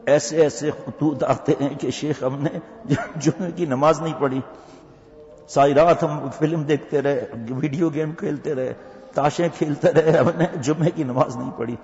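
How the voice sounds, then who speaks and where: A man's voice: on the high side, fairly even intonation, darkish tone. A man giving a storytelling sermon as a religious scholar, voicing each person in the tale in turn. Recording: dull, echoey hall sound.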